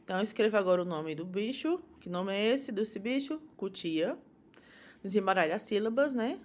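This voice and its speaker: A woman's voice: mid-range voice, animated, moderate pace, a little mellow. A woman with a Brazilian Portuguese accent teaching a phonics lesson to young children, patiently sounding out syllables one at a time.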